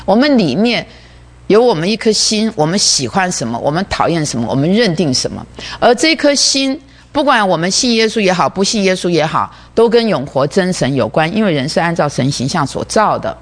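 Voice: mid-range voice, big pitch swings, brisk. A preacher giving a sermon that explains a diagram, who often repeats words and keeps asking the listeners rhetorical questions.

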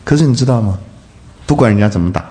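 A male preacher giving a sermon, throwing rhetorical questions at the congregation and swinging between loud bursts and soft asides. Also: lowish voice, lively intonation, quick pace.

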